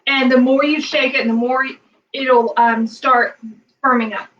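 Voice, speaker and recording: A chatty woman talks through a recipe in her home kitchen, rambling and full of fillers. Her voice sits a little high. She stands back from the mic, and the sound is slightly dull and lo-fi, with faint noise behind her. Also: fairly even intonation, measured pace, fairly bright tone, recorded from a distance. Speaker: cooking vlogger. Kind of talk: casual cooking demo.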